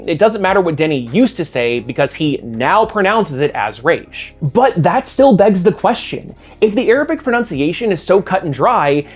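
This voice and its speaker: An American man hosting a scripted video essay with a sarcastic, self-mocking know-it-all manner. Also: high voice. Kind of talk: scripted commentary.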